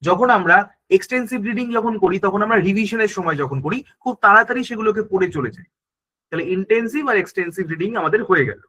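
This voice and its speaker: Man, high pitch, online class teacher, step-by-step explaining, asks and answers own questions. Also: lively intonation, fast, pushed and bright, low-quality recording. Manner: often checks in with students. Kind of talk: online exam-prep class lecture.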